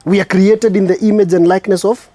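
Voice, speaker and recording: A man with a Kenyan accent, a spoken word artist hosting his show, giving a preachy, reflective monologue with slow, emphatic stresses. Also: high voice, fairly even intonation, mellow, no room sound.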